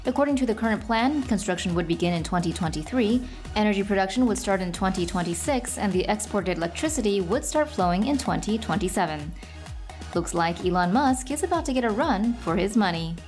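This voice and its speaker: A woman narrating a scripted news report in an even, informative voice-over. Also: medium pitch, a little fast, faint music behind.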